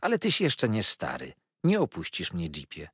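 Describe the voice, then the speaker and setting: A man's voice: low-pitched, wildly swooping pitch, normal speed, fairly bright tone, slightly rough, dry recording, clean studio sound, exaggerated voice. Man doing a sweet, childlike young wife. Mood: tender. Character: young sickly affectionate wife, pleading, childlike.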